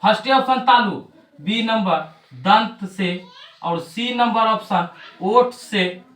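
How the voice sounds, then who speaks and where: A man's voice: sits high, takes it slowly, fairly bright tone. A male coaching teacher gives an exam lesson, drilling points by chanting them over and over. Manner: repetitive drilling, chant-like recitation. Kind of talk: classroom lesson on Hindi phonetics. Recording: roomy echo, mic at a distance.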